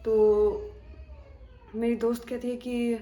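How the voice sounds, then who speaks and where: A woman's voice: fairly high pitch, level tone, slow pace, warm tone. A young woman telling a horror story from her school days in a casual, dramatic way, acting out the dialogue. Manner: chatty, dramatic, acts out quoted dialogue. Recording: echoey room with faint ambience.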